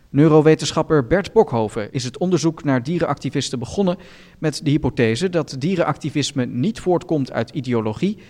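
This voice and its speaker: Formal male newsreader with long reverb. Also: on the high side. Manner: calm, formal newsreader delivery. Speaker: news radio host. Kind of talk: deadpan satirical news reading.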